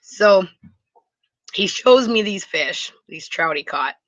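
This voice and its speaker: A woman from Wisconsin chatting live with viewers from inside her motor home. She rambles and restarts often and gets excited easily. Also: mid-range voice, takes it slowly, no echo, dull audio. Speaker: live stream host. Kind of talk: casual live chat with viewers. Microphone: computer mic for a video hangout.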